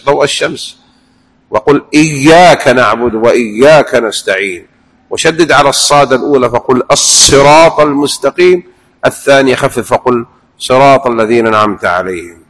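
A man teaching a religious lesson, animated and acting out the recitations he describes. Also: medium pitch, rough recording. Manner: animated, demonstrates recitations aloud. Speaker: preacher.

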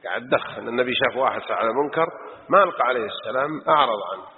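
Racing and expressive, a medium-pitched male voice delivers a mosque lesson, admonishing with one rhetorical question after another. It sounds tinny and phone-like, captured in a reverberant hall with slight background noise.

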